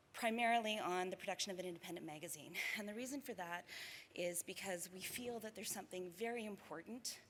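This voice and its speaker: A woman's voice: fairly low pitch, fairly bright tone, a little hiss or hum. A woman speaking earnestly on a conference panel about the publication she represents. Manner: earnest, self-deprecating, laughs often. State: slightly out of breath at first. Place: conference hall. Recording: reverberant hall, faint ambience.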